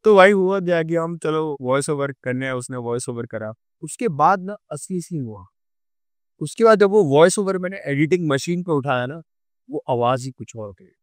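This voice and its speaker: A young man with a Delhi Hindi accent telling a true ghost story on a podcast, animated and acting out the scenes. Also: on the high side, normal speed, dry recording, studio quality. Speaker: podcast guest.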